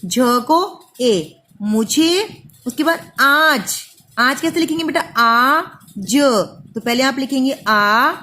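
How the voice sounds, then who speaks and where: A woman's voice: sits high, takes it slowly, sharp tone. A woman teaching young children, patiently stretching words out sound by sound as she spells them. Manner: patient, stretches out sounds syllable by syllable, calls listener "beta". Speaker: primary school teacher.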